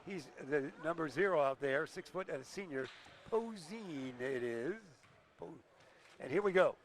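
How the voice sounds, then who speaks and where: Older play-by-play announcer, high bright voice, excited calls, gym crowd around him. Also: male voice, a little hiss or hum. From Illinois. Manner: rapid excited calls, chatty asides. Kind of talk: high school basketball play-by-play.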